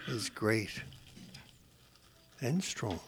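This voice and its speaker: Bright, animated older man bantering. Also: on the low side, extremely slow, a little hiss or hum. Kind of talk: casual banter.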